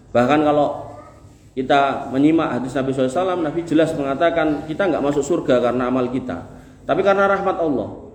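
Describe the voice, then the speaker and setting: Folksy Javanese-accented preacher in an echoey room. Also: male voice, mid-range voice. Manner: folksy, joking, rhythmic repetition. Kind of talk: sermon to a congregation. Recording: echoey room with faint noise.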